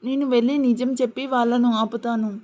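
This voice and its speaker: A woman's voice: on the high side, fairly even intonation, fast, a little mellow, close to an everyday voice. A woman voicing a fretful young man worried for his sister, on a dull lo-fi recording. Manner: fretful, pleading.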